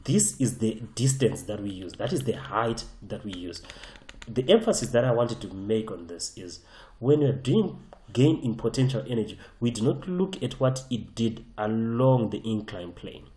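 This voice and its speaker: A man's voice: lowish voice, sing-song, moderate pace, dark tone, roomy sound. A man teaching a physics lesson over a whiteboard, emphatic and often repeating and restarting his phrases. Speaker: physics tutor.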